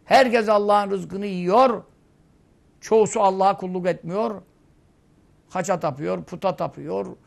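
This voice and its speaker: A high-pitched man with a gravelly edge gives a storytelling sermon. He recites Arabic phrases, explains them, and swings from loud acted cries to quiet murmurs. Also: measured pace, long pauses. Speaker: preacher. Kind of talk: religious talk.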